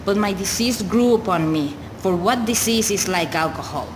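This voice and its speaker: A woman playing a confessional narrator in a radio play, telling the story in formal, measured literary prose. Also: medium pitch, animated, close to an everyday voice. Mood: grave confession. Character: confessional narrator, an animal lover ruined by drink. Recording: noisy, long hall-like reverb.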